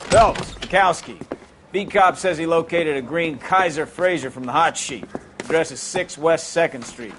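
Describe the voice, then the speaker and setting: Guy as brisk police boss giving orders, slightly high voice, bit of noise, game. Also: a bit bright, close to an everyday voice. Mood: businesslike. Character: brisk police superior handing out assignments. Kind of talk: crime drama video game acting.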